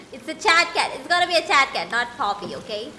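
A woman's voice: sits high, very animated, normal speed, bright, forceful tone, slight background noise. A woman streaming a game live, chatting casually and giggling with her viewers.

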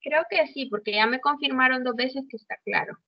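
High-voiced woman teaching English online. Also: fairly quick, creaky, slightly rough, no room sound. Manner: explains in Spanish with English examples, checks in with "¿ok?". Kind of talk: online class explanation. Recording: dull, muffled online audio.

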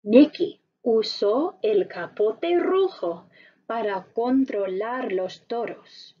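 A woman teacher narrating a story slowly and expressively for language learners. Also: a little high, lo-fi sound. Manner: very slow, deliberate, expressive storytelling.

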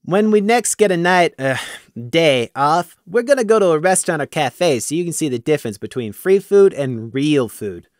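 A man's voice: fairly high pitch, animated, moderate pace, dry recording, clean studio sound, voice pushed up, close to an everyday voice. A man voicing an adult male pony guard with an easygoing, teasing manner.

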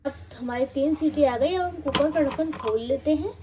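High-voiced woman explaining a home recipe. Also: moderate pace. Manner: chatty step-by-step explaining. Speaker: cooking vlogger. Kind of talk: home cooking demonstration. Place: home kitchen. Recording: noisy home phone recording.

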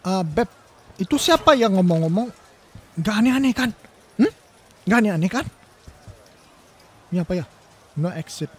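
A man's voice: sits high, lively intonation, normal speed, pauses often, breathy edge. Playful, teasing young man. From Indonesia. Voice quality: playful, teasing, laughs often. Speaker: gaming YouTuber. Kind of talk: joking game commentary.

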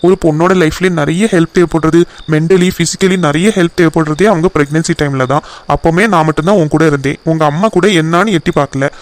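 A caring young husband from a cartoon family drama, voiced by a man. His voice is smooth and fairly high, and he talks quickly with a gentle, reassuring manner. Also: steady tone, lightly acted. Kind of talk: cartoon voice acting.

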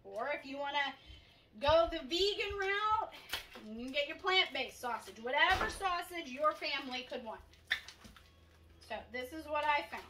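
Upbeat high-voiced woman cooking at home. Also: expressive, normal speed, background noise. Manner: chatty, upbeat, talks through each step. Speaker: cooking show host. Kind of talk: casual cooking demonstration. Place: home kitchen, indoors. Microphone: camera across the kitchen counter. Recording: echoey kitchen from a distance.

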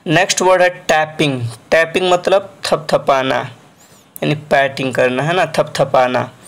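A man's voice: a little high, fairly even intonation, a little slow. A man teaching English vocabulary in Hindi, repeating each word and its meaning and often adding a checking "right?". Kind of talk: Hindi-language lesson explaining English vocabulary.

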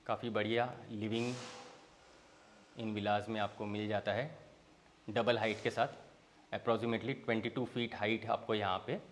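A man's voice: on the low side, flat delivery, measured pace, pauses often, slight background noise. A young man from India giving a walking tour of a villa's bedrooms, inviting the viewer along in an easy sales patter, mixing Hindi with phrases. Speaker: real estate tour host. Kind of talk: property walkthrough. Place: indoors, large villa interior, walking room to room.

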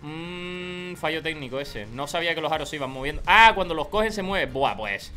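Young canarian guy streaming a game, goes from mumbling to yelling, bouncy pitch. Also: fairly quick, soft background music. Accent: Canary Islands Spanish. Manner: animated, swings from calm mutters to loud shouting. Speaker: gaming streamer. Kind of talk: excited live gameplay commentary.

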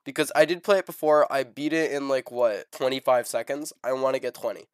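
A young man who is sick, streaming a game, swearing a lot and breaking into excited shouts. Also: mid-range voice, a little fast, clean tone, no echo. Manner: profane, swings into excited shouting. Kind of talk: gaming livestream commentary. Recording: game music playing loudly behind. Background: game music.

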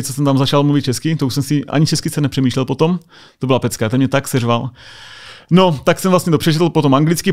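A Czech man, a US Air Force sergeant, telling anecdotes in a casual interview, full of filler tags. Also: fairly high pitch. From Czech Republic.

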